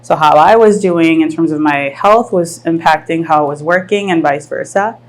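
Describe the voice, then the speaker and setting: Low-voiced woman hosting a live podcast. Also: normal speed. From France. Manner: reflective, thoughtful, many fillers. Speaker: podcast host. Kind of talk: casual live podcast conversation. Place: live event venue with audience.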